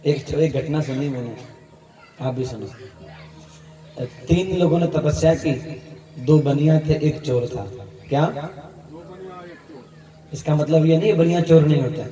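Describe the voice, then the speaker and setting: A man's voice: fairly high pitch, a little slow, pauses often, dark tone. A man preaching a Hindi katha, telling stories and acting out their dialogue in a storytelling manner. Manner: storytelling preacher, acts out dialogue, chuckles to the crowd. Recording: echoey hall, distant mic, faint ambience.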